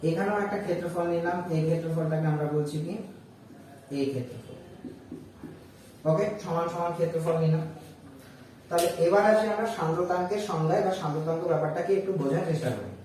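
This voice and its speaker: Speaking quickly but with long pauses, a male physics teacher works through a board explanation for students one step at a time. He raises rhetorical questions and then answers them. His voice is on the high side and a little mellow, captured at a distance in an echoey room with faint noise.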